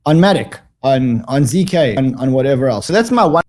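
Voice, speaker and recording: A man's voice: medium pitch, lively intonation, brisk, darkish tone. Man on a clipping, distorted video call. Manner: repeats words when restarting, emphatic. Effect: clipping, distorted audio. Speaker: guest commentator. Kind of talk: remote interview discussion.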